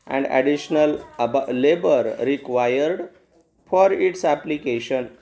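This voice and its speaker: A man with an Indian accent dictating a passage for shorthand practice, in short, separated, measured phrases. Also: on the high side, mellow.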